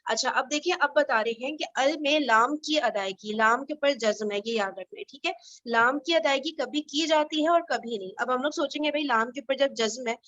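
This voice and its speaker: A woman's voice: high-pitched, a bit bright, no room sound, highs cut off. A woman teaching an Arabic grammar class over a video call, explaining patiently step by step and checking that her students understand.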